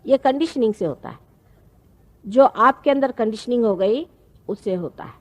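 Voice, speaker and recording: A woman, giving a slow, explanatory spiritual discourse with pauses. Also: on the high side, lively intonation. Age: 50s. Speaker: spiritual teacher. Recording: archival talk recording.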